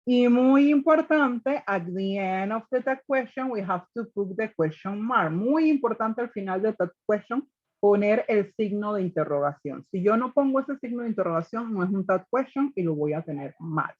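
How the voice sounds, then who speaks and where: A woman's voice: medium pitch, expressive, moderate pace, lo-fi sound. A woman teaching an online English grammar class, explaining step by step and checking in with students. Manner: patient, step by step, often checking with "ok?". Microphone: video call.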